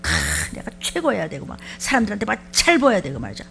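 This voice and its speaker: A woman pastor giving a sermon, talking to her congregation in a lively, conversational way and asking them many questions. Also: medium pitch, quick pace, creaky, slight background noise.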